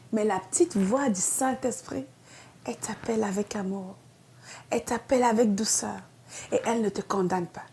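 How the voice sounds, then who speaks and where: A woman's voice: a little high, a little mellow. A woman pastor with a Québécois French accent giving an earnest devotional sermon, pleading and then rising to emphatic outbursts.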